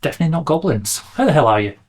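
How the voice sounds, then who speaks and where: A man hosting an interview, jokey and quick to laugh. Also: fairly high pitch, big pitch swings. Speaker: podcast host. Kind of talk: casual interview chat.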